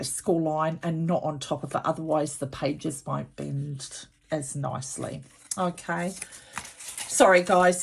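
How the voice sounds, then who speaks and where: A woman's voice: lowish voice, a little hiss or hum. A woman hosting a casual craft tutorial in a chesty, congested voice, chatting informally and apologetically as she explains things to viewers. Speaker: craft channel host.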